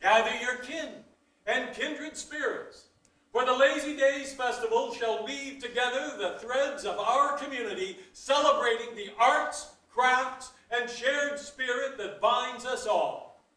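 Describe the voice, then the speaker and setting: Male town crier. Very high, forceful voice, slow declamatory proclamation, roomy sound. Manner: loud, ceremonial, declamatory, theatrical old-fashioned delivery. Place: indoor council chamber. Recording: echoey hall, far from mic.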